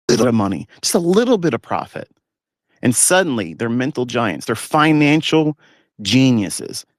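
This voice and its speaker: Man host, low-ish voice, blunt and scornful, talking on a phone in a parked truck, dry sound. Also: no room sound. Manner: blunt, scornful, animated lecturing. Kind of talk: casual talk on a live audio stream. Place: sitting in his pickup truck.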